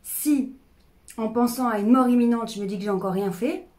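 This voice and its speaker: A woman's voice: a little high, moderate pace, warm tone. A woman in her thirties speaking candidly to camera, with fillers and restarts, about her own life. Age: 30s. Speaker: personal development YouTuber. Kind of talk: casual talk to camera.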